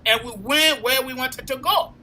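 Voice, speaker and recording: A very high, sharp-toned male voice at normal speed belongs to a political talk show co-host with a Liberian accent. His commentary is impassioned and emphatic, and he rallies his audience with phrases said again and again.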